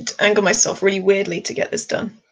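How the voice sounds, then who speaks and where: A woman chats loosely to her live stream while drawing, her pitch sitting in the middle. She is a bit tired and rambles from thought to thought, with easy laughter. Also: fairly even intonation, fast, gravelly, slightly rough, poor audio. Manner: chatty, rambling, laughs often.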